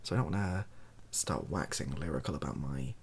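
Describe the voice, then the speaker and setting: This video host, a British man, speaks in a rumbling low voice at a slightly quick clip, with a faint hiss or hum in the audio. His improvised monologue drifts along softly and breathily, frequently near a whisper, wry and hesitant, poking fun at himself.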